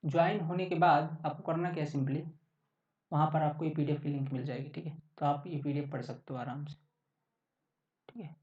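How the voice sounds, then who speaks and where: A man's voice: fairly high pitch, steady tone, brisk, darkish tone. Man, exam coaching teacher, casual lesson, keeps checking in, echoey room, muffled. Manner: chatty, keeps checking in with listeners. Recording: roomy, distant, dull sound.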